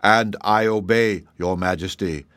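A man's voice: sits low, measured pace, a bit bright, dry recording. A man voicing a dutiful male gnome executioner who reports bluntly and matter-of-factly. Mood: deadpan. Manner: blunt, positive.

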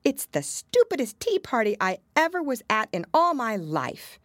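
A woman's voice: fairly high pitch, sing-song, moderate pace, a bit bright, no room sound, studio quality, pitched above the performer's own voice. A woman voicing a polite, curious young girl who speaks in an earnest way.

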